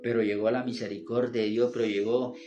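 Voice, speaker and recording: A man's voice: medium pitch, level tone, brisk, muffled recording. A man preaching a fervent sermon, addressing listeners as brother and quoting scripture. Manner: fervent, repeats "mi hermano", quotes scripture. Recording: music playing behind.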